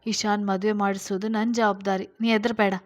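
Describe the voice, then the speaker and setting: A woman's voice: medium pitch, level tone, a little fast, natural voice. A woman voicing a scheming, confident older sister in a storybook reading, talking in a reassuring, commanding way.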